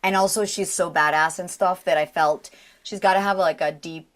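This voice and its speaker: Woman, voice actress, guest interview, naturally low voice, animated, casual, lots of fillers. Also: moderate pace. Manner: animated, slips into character voices, filler-heavy.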